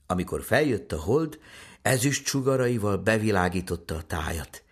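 A man narrating a fairy tale in a gentle, expressive storytelling manner. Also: lowish voice, slightly rough.

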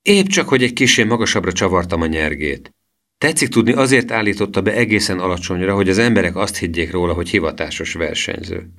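A man's voice: low voice, lively intonation, a bit bright. A man doing a stubborn, indignant young boy.

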